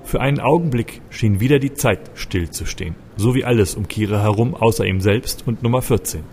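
A man's voice: fairly low pitch, normal speed, darkish tone. A man reading a story aloud, narrating expressively and with urgency. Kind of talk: audiobook narration. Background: faint music.

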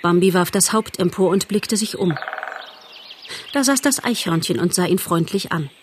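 A woman reading a classic animal novel aloud as an audiobook narrator, measured and even. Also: fairly low pitch, a little hiss or hum.

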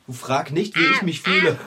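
A man's voice: on the high side, sing-song, a little slow, bright, forceful tone, husky, no room sound, full character voice. A man playing a nervous, easily flustered bike tinkerer in a children's radio play. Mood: cheeky.

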